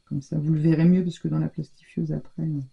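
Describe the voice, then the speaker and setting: A woman's voice: low-pitched, flat delivery, quick pace, creaky, slightly rough. An older woman chatting casually through a scrapbooking tutorial from her home craft room, thinking aloud as she works. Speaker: scrapbooking vlogger. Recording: dull lo-fi sound.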